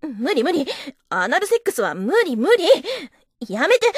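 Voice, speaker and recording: A woman's voice: high voice, very animated, measured pace, no echo, studio quality, heavily acted. A woman playing a coy, teasing office wife. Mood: pleading. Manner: teasing and coy, giggling often. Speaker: voice actress. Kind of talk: adult audio drama acting.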